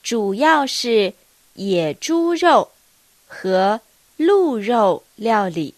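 A woman teaching a language lesson, reading dialogue lines with careful, deliberate enunciation. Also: fairly high pitch, sing-song, no room sound.

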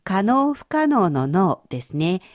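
A woman's voice: medium pitch, sing-song, unhurried, no room sound, clean studio sound. A woman teaching Chinese vocabulary in a radio lesson, explaining each word patiently and carefully.

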